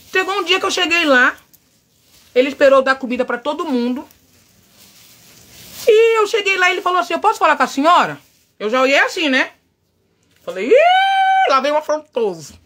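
A middle-aged Brazilian woman chatting loudly and outspokenly with her viewers, telling a story while she works. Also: high voice. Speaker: vlogger. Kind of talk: casual chat while painting a wig.

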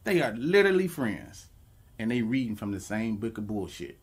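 A man's voice: on the low side, big pitch swings, normal speed, husky. A man co-hosting a podcast, arguing bluntly and profanely in casual chat, laughing as he makes his points. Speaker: podcast co-host.

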